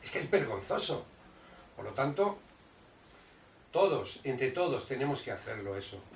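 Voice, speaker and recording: A man's voice: medium pitch, very animated, moderate pace, gravelly. An older man talking at a neighborhood meeting, emphatic and repetitive, often restarting his sentences. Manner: emphatic, repeats himself, restarts. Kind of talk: impassioned public talk. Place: neighborhood association hall. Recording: roomy echo, distant mic, faint noise.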